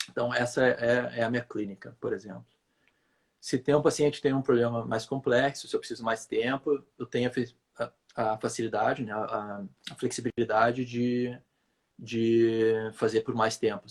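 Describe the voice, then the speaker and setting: A Brazilian physiotherapist, appearing as a guest in a relaxed interview, talks through his work at length. His voice is husky and mid-range, and he hesitates often, repeating words as he explains in a conversational answer.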